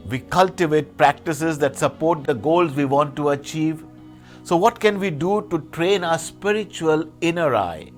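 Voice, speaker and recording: A priest giving a sermon at a pulpit microphone, in a measured phrase-by-phrase delivery full of rhetorical questions and lists, slowing and softening into a hushed guided meditation. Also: male voice, on the high side. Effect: speaking at a pulpit microphone.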